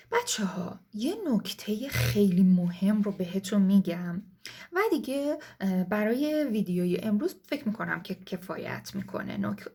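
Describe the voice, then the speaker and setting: A woman teaching English vocabulary in a casual video lesson, encouraging and chatty, often addressing viewers warmly as her students. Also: medium pitch. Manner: encouraging, addresses viewers as kids and dear ones.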